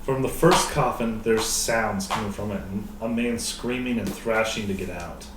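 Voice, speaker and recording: A man working as game master, improvising horror narration in an informal, halting way. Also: on the low side. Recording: roomy, distant mic, faint noise.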